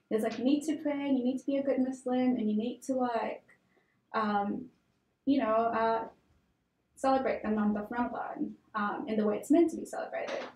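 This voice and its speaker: Guest: young woman from Tanzania, candid, chatty, slightly high mellow voice, echoey room. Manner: candid personal storytelling with fillers. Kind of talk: conversational interview.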